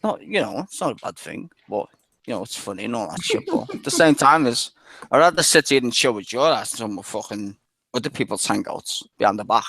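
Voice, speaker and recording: Brief: man, hangout host, bright forward tone, dry close sound, profane rambling chatter. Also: mid-range voice, big pitch swings, fairly quick, vocal fry, no room sound. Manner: rambling, crude and profane, laughs often. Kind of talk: casual online hangout chat.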